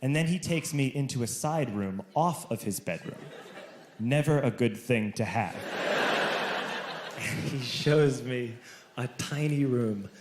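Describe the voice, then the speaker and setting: A man doing stand-up storytelling at a live comedy venue, animated and building to shouted punchlines. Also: mid-range voice, a little slow, a crowd in the background. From United States. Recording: roomy live recording with background noise.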